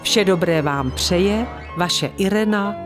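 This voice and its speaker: A woman reading a first-person story aloud in a calm, measured way as the storyteller of a weekly show. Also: mid-range voice, music in the background.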